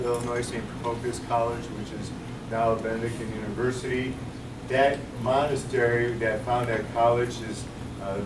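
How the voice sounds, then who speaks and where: A priest in his sixties talks loosely to a luncheon crowd, mid-pitched, restarting sentences and poking fun at himself. He sounds far from the mic in an echoey hall. Loud room ambience hums underneath. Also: noisy background. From United States. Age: 60s. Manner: self-deprecating joking, rambling with restarts. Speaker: priest and monk speaking at a luncheon. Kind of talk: informal talk to an audience.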